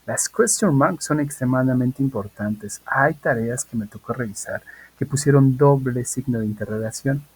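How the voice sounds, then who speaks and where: A man, an online high school tutor recording a video lesson, patiently drilling English example questions. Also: darkish tone, slight background noise, poor audio.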